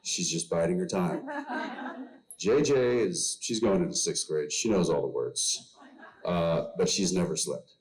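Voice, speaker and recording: A man on a convention panel chatting easily, halting and joking with a laugh. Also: low-pitched, poor audio. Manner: easygoing, halting, jokes and laughs. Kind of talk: casual panel chat.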